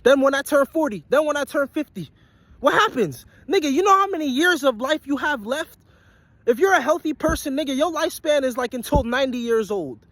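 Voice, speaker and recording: High-voiced young man ranting, dry sound. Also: expressive, a little fast, fairly bright tone, no echo. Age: 20s. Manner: blunt, profane and repetitive, hammering points home. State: sweaty after a long work shift. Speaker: vlogger and aspiring musician. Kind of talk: motivational rant to camera.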